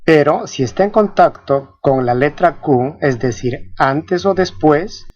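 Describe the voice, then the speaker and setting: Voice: medium pitch, lively intonation, measured pace, a little mellow, dull audio. A teacher giving a scripted pronunciation lesson, carefully spelling out sounds and repeating each example word. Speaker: language teacher.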